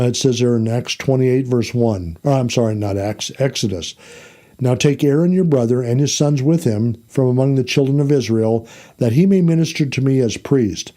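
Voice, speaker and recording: A man's voice: medium pitch, mellow. A man teaching a conversational Bible lesson, explaining plainly and checking in with his class as he goes, with fillers and self-corrections. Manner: explains plainly, checks in with the class by asking "okay?" and "all right?".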